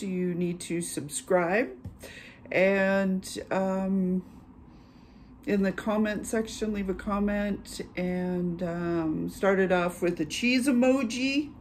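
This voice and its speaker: A woman hosting her own channel, giving a casual tarot reading in an unhurried, chatty way with many filler pauses. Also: mid-range voice, a little mellow, slight background noise. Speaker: tarot reader and channel host.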